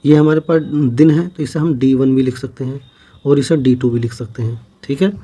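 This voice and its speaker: A man with a mellow, darker voice of ordinary pitch teaches an exam-prep maths class. He talks through each problem slowly and methodically, repeating every figure as he writes it. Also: steady tone, husky.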